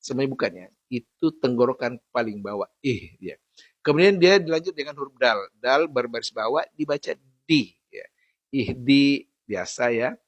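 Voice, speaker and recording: Patient man teaching slow recitation. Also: mid-range voice, animated, no echo. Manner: patient, repeats sounds slowly and corrects common mistakes. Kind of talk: Quran recitation lesson with slow chanted verses.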